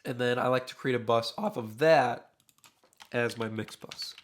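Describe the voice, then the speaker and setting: A young man, a mixing engineer, speaks a little slowly at medium pitch, with a slight hiss or hum in the recording. His voice sounds a little worn since he's losing it, and he thinks aloud casually with many uhs while working through a screen-recorded tutorial. Drums stand behind him in his home studio.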